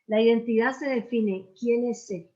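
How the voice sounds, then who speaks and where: An older woman pastor speaking in a slightly high voice, weaving personal stories into her sermon. She keeps asking her listeners questions. The sound is muffled and lo-fi. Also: moderate pace, a little mellow. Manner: earnest, personal storytelling with rhetorical questions. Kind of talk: sermon dialogue.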